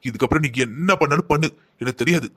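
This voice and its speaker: A stern, disappointed middle-aged cartoon father who lectures his daughter at length, as a man voices him. He talks fast in a slightly high voice. His tone is bitter and reproachful. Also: fairly bright tone. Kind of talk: Tamil cartoon voice acting.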